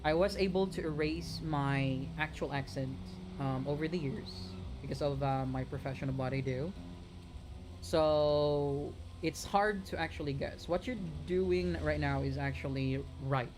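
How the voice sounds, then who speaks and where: Gaming streamer from the Philippines, mid-pitched, loose rambling chat with viewers, lots of restarts. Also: measured pace, noisy background. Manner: chatty, rambling with many restarts, talks straight to viewers. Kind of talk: casual live-stream chat answering viewers.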